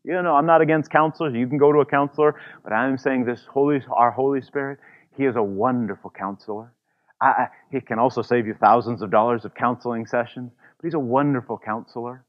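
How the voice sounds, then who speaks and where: A male pastor delivering a sermon in a chatty, informal style, slipping in frequent "you know" asides. His voice sits at an ordinary middle pitch. The recording is somewhat dull and lo-fi. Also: brisk.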